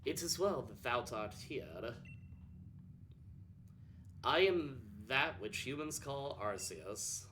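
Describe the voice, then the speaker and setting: A man voicing an ancient deity, solemn, archaic speech, slow delivery, bright tone. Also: medium pitch, animated, slight background noise. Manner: slow, archaic, grave reading. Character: ancient all-powerful creator deity, solemn.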